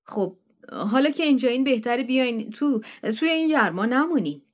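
A woman's voice: on the high side, animated, voice pushed up, close to an everyday voice. A woman voicing Joan, a plump, gracious middle-aged farm wife who coaxes her guests indoors. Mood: coaxing. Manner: insistent hospitable coaxing.

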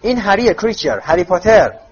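A man's voice: high-pitched, big pitch swings, husky, faint music behind, voice pushed up, exaggerated voice. A man doing an eager teenage girl. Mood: emphatic. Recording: dull lo-fi audio.

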